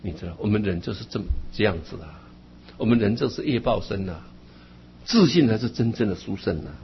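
A man giving a Buddhist dharma talk, who keeps asking his listeners "right?" and ends his phrases with drawn-out particles. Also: on the low side, animated, lo-fi sound, a little hiss or hum. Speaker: Buddhist teacher.

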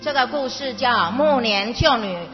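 A woman's voice: a little high, lively intonation, measured pace. A woman teacher telling a story and explaining it to young children in simple words, with emphatic repetition and questions, as if to little ones. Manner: simple, question-and-answer talk as to small children; emphatic, repeats key words. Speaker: Buddhist teacher (dharma master) of a children's class. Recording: echoey hall, dull muffled sound, music.

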